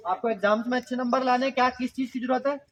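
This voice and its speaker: A man's voice: very high-pitched, steady tone, quick pace, crowd noise. A man leading a mind-power workshop for school students, talking playfully and quizzing the audience with questions. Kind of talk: interactive talk to school students.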